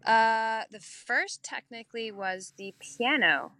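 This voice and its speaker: Bright-voiced young woman, chatty guest. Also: a little high, slow, dry recording. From Europe, born in Italy, raised mostly in Paris. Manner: chatty, candid, long-winded answers. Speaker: guest musician. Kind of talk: casual podcast interview.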